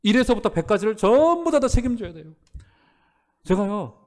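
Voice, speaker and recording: Higher-voiced Korean pastor preaching. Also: male voice, sing-song, moderate pace. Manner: earnest preaching with rhetorical questions, dropping soft for prayers. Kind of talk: sermon. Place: church sanctuary.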